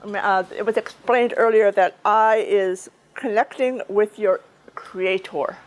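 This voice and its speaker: A woman's voice: medium pitch, steady tone, slow, poor audio. A woman giving an informal, chatty speech at a club meeting, talking conversationally with frequent restarts and asides. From United States.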